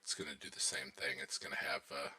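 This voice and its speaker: A man walking through a software deployment lab as an IT instructor, talking casually to viewers while he watches installs and often pausing on fillers. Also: low voice. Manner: relaxed, thinking aloud while watching installs. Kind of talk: screen-recorded tech tutorial narration.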